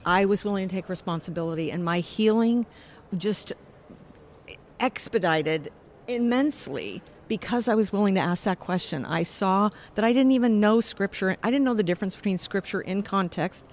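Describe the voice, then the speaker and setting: A woman's voice: mid-range voice, moderate pace, slight background noise. A woman who is a publisher and author, speaking reflectively and candidly in a radio interview.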